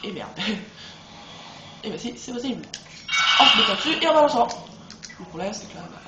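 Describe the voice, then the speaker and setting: A high-voiced young man giving chatty, excitable commentary while he plays a video game, talking straight to his viewers. The voice rings in a roomy space, with steady noise underneath. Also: moderate pace. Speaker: let's play host. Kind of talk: gameplay commentary.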